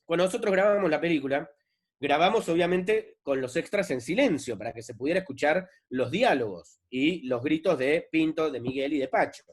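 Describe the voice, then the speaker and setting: A man with an Argentine accent lectures as a film director, explaining his work in a relaxed, chatty way. His voice sits a bit high, and he keeps checking in with his listeners. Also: a little fast, husky. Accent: Argentine Spanish. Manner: relaxed, conversational, frequent "¿no?" and fillers. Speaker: film director giving a masterclass.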